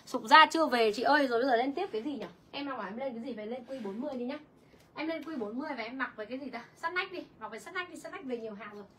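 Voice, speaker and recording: A woman's voice: high-pitched, rapid-fire, bright, forceful tone, slight background noise. A young woman selling clothes on a livestream, chatty and reading viewer comments aloud. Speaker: online clothing seller. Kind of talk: livestream sales pitch.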